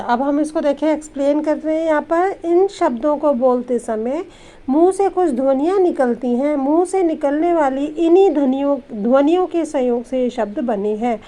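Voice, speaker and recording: A woman teacher with a high but mellow voice takes young children through a grammar lesson. She explains patiently, step by step, sounding out each letter slowly and slipping English words into her Hindi.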